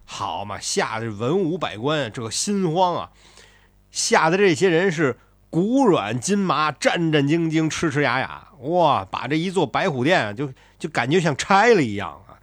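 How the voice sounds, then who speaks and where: Animated male storyteller. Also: fairly high pitch, moderate pace, no echo. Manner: chatty, animated, with asides. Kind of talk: colloquial storytelling of a classic novel.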